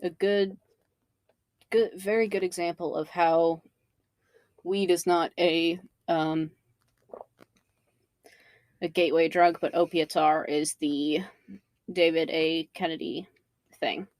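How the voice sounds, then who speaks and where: A woman's voice: on the low side, little pitch movement, slow pace, long pauses, darkish tone, no room sound. A woman co-hosting a podcast, chiming in with blunt, offhand comments and asides. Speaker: podcast co-host. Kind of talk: casual chat, reacting and commenting.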